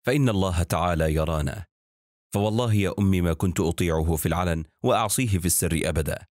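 Gentle devout girl, as a man puts her on, earnest pleading, low and dry. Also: fast, dry recording, close to an everyday voice. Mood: sorrowful.

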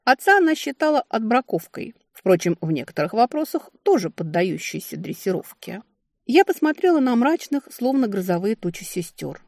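Expressive woman narrating an audiobook, dry. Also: a little high, moderate pace, dry recording. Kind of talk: scripted narration of a fantasy novel.

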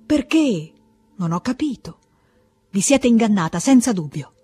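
A woman's voice: fairly high pitch, big pitch swings, measured pace, mellow, husky, pitched above the performer's own voice, exaggerated voice. A woman reading aloud, voicing an insistent male seducer whose declarations swell with fervour. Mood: ardent.

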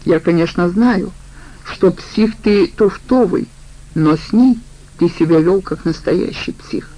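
A woman voicing a sharp-tongued middle-aged female accomplice who mocks and needles, in a storybook reading. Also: on the low side, slow, low-quality recording. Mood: mocking. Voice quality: mocking, needling.

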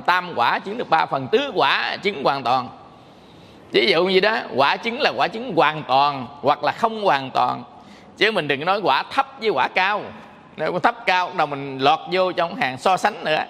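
A man's voice: high voice, gravelly, pushed and bright, long reverb tail. A man from Vietnam, a Buddhist monk giving a dharma talk in a conversational way, often asking his listeners questions. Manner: conversational, asks the audience questions.

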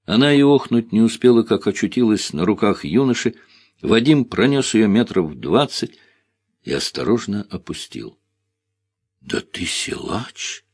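A man's voice: fairly low pitch, moderate pace, breathy edge, dry recording. A man narrating a novel as an audiobook, reading expressively and voicing the characters. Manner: expressive, voices each character. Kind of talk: scripted literary narration.

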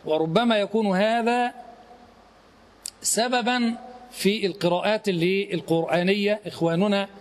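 A middle-aged man gives a grammar lesson in a fairly high voice. He asks the class questions and answers them himself, slowly repeating each key term until it sinks in. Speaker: religious grammar teacher.

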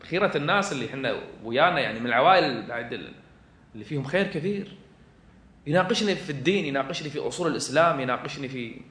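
A man preaching with a Kuwaiti accent, moving from quiet asides to loud, fervent exhortation. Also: fairly high pitch. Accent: Kuwaiti Arabic. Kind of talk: religious lecture to an audience. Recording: echoey room.

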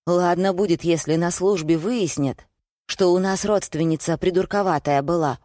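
A woman reading aloud and voicing a coarse, bullying middle-aged husband who talks gruffly and scornfully. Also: on the low side, normal speed, warm tone, no echo, studio quality, natural voice.

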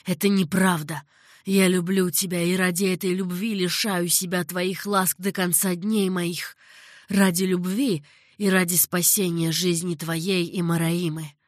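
A woman's voice: fairly low pitch, little pitch movement, a little slow, dry recording, clean studio sound, lightly acted. A woman voicing an older male caliph who speaks earnestly, patiently and with sorrow. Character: older male caliph, grave and tender ruler.

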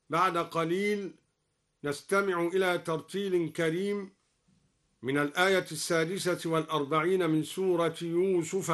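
A man with a high, ringing voice teaches the finer points of Quran recitation on live radio. He explains each rule plainly, then chants the verse slowly and melodically. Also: fairly bright tone.

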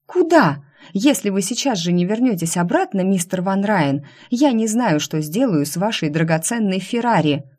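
A woman voicing a brash, sharp-tongued young woman heroine in an audiobook, snapping loudly and indignantly. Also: mid-range voice, animated, pitched above the performer's own voice, close to an everyday voice. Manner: loud, indignant, quick to snap. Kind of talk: audiobook character voice.

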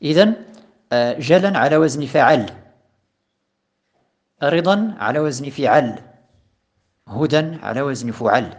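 A man teaching a recorded lesson on a grammar poem, slow and deliberate, repeating and stressing each pattern. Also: medium pitch, lively intonation, highs cut off. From Morocco. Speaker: teacher of Arabic morphology.

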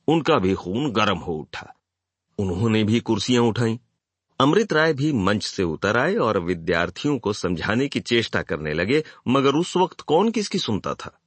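A man narrates a literary novel, his pitch moving freely as the story builds. His voice sits at a middle height. The recording is dry and close to the mic. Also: slightly rough, no room sound. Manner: expressive storytelling. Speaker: audiobook narrator.

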